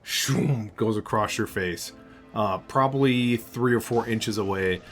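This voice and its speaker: A man narrating as game master in a tabletop game, relaxed with many filler words. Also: lowish voice, a little slow, soft background music. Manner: relaxed, full of ums and uhs.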